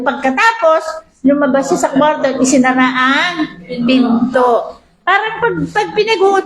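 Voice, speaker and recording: A woman preacher giving a lively sermon, reading Bible verses and often asking the congregation "di ba?". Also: high-pitched. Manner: asks the congregation "di ba?" often, animated. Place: church hall. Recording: echoey church hall.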